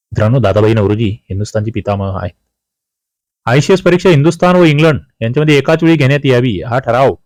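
With a lowish, darkish voice captured in a dry recording, a man with a Maharashtrian accent runs an exam-prep history quiz. He speaks to his students emphatically, repeating the key questions and answers and tossing in colloquial asides.

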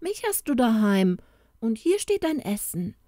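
A woman's voice: on the high side, very animated, a little slow, dark tone, no echo, clean studio sound, voice pushed up. A woman voicing a kind, bold young woman in a fairy-tale forest house, urgent and bossy.

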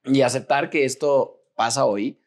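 A man's voice: mid-range voice, unhurried. Mexican guy in his 30s, chatty and slangy, acts out what he was thinking. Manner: animated, slangy, acts out his own thoughts. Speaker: actor and guest. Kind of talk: casual interview chat.

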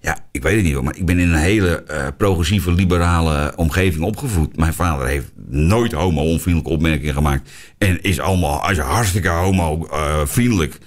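A man's voice: rumbling low, a little fast. A middle-aged man with a Dutch accent, hosting a podcast in a crude, boisterous, casual chat style. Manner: boisterous, crude, animated storytelling. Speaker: podcast host.

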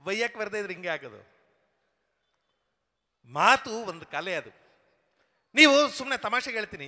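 A comedian telling comic stories on stage and acting out quarrels in many voices. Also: male voice, high-pitched, bright, forceful tone. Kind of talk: stand-up storytelling. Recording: long hall reverb.

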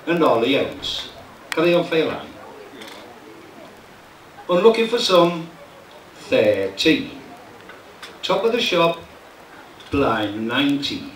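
A male bingo caller chants numbers very slowly, his voice fairly high and rising and falling in a sing-song. He is heard at a distance in an echoey club hall. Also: a little hiss or hum. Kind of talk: bingo calling with rhyming number nicknames. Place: social club hall, heard from the audience tables.

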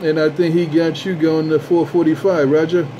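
On a CB radio channel, a man with a high-ish voice chats at a moderate pace in a level tone. He repeats call-outs and drawls his sign-offs, all through a dull, lo-fi transmission with static hiss.

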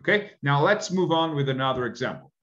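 A man's voice: fairly high pitch, animated, fairly quick, fairly bright tone. A middle-aged man teaching an online English lesson, explaining patiently and often checking in with "right?", recorded on a webcam indoors. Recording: dull lo-fi webcam audio.

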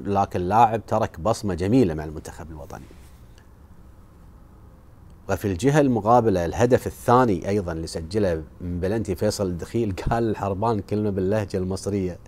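A man presenting football highlights, telling stories of old matches in a relaxed way. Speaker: sports show presenter.

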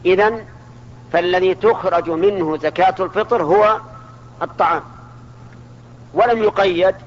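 High-voiced scholar, lo-fi lesson recording. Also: male voice, normal speed. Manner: asks the audience questions and answers them himself. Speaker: Islamic scholar teaching. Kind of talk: religious lesson to an audience. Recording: dull lo-fi archival recording.

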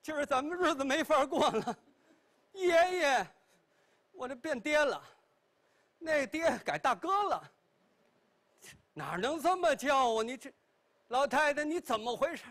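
A man's voice: very high-pitched, lively intonation, unhurried, pauses often, a bit bright, full character voice. A man voicing a flustered, puzzled old father in a storytelling performance, stammering and grumbling. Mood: exasperated.

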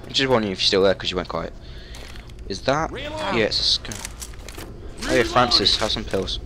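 A man's voice: on the low side, sing-song, moderate pace, music in the background. A man hosting a gameplay video, chatting and joking casually as he plays. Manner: chatty, jokey, exclaims a lot. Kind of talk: casual gaming commentary. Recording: game gunfire clearly behind. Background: game gunfire and ambience.

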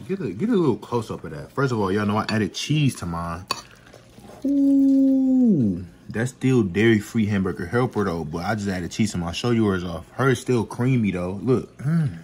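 A man's voice: lowish voice, huge pitch swings, normal speed, darkish tone, slight background noise. A young man chatting casually in a home kitchen cooking vlog, laid-back and slangy, recorded close on a phone. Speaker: co-host. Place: small home kitchen, indoors. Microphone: phone camera held close.

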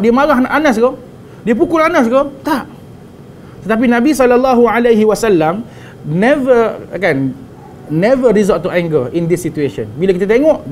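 A man's voice: very high voice, a little hiss or hum. A young man with a Malaysian Malay accent giving a religious talk on parenting, chatty, with frequent tag questions and English phrases mixed in. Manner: conversational, frequent "kan?" tags and restarts. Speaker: religious teacher.

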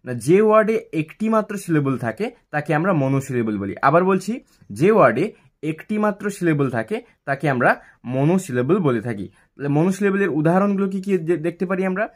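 A man's voice: fairly high pitch, animated. Man teaching syllables in a raised voice. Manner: repeats words slowly, syllable by syllable; asks questions then answers them. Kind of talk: explaining English grammar lesson.

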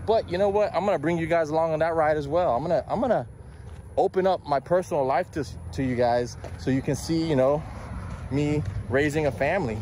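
This man's voice sits on the high side with a darkish tone, and he talks fairly quickly. He's a fishing vlogger in his 40s from South Florida, chatty, upbeat and talking to himself, winded from the heat as he shoots a casual outdoor vlog by a canal and inside a truck. Faint background noise accompanies the handheld camera audio, recorded at arm's length.

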